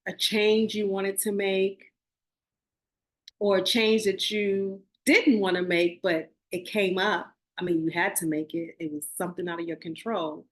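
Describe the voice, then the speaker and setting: A woman in her forties hosting a spiritual podcast, talking earnestly to her listeners and often restarting and correcting herself. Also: mid-range voice. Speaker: podcast host. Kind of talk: casual spiritual talk.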